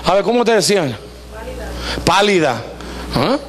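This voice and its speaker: A pastor delivers a live sermon in church, pitched notably high for a man. He preaches in an animated, joking way, acting out little voices. He keeps turning to the congregation with questions. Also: unhurried. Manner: asks the congregation questions often. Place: church service before a congregation.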